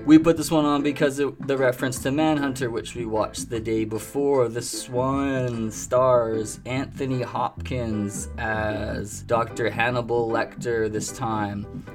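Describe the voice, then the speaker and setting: A relaxed man hosts a record show in a loose, chatty style and laughs easily between thoughts. His voice sits at an ordinary middle pitch. Music plays clearly underneath him the whole time. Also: measured pace. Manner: laid-back and chatty, laughs often. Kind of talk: casual chat. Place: treehouse restaurant and bar.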